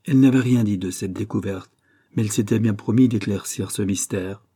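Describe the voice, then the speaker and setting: A man narrating a nineteenth-century romance as an audiobook, measured and expressive. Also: fairly low pitch, slightly rough. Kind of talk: literary audiobook reading.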